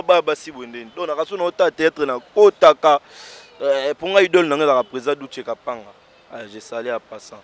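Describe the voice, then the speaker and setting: Guy, comedian in an interview, telling stories all animated, voice a bit high, loud then quiet. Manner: animated storytelling, swings between soft asides and loud bursts. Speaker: stage comedian and actor being interviewed. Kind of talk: casual interview chat.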